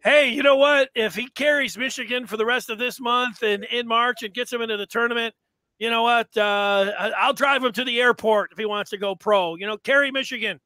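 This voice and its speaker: A high, bright-voiced man in his thirties talks sports on a headset mic from his home room. His sound is dry and close. He rambles excitedly, full of fillers. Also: a little fast, dry recording. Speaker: podcast host. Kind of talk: casual sports chat. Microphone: headset mic on video call.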